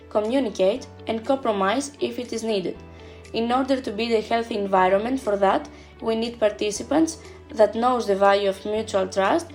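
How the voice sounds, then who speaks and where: A woman reads a seminar presentation aloud, stepping evenly through lists of points. Her voice sits a little high, with quiet background music under it. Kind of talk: read slide narration. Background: faint background music.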